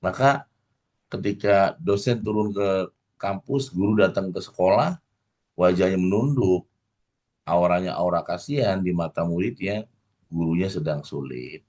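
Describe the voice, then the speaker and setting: A middle-aged man with a very low voice gives a motivational lecture, keeps turning to his listeners and acts out small examples as he goes. The recording is dull and lo-fi. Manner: addresses the audience warmly, full of "ya" tags and acted examples.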